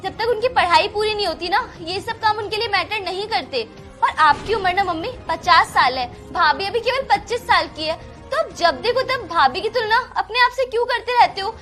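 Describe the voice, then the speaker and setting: A young woman playing a married daughter who pleads and reasons gently with her mother in a family drama. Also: very high-pitched. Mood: reasoning. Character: married daughter defending her sister-in-law.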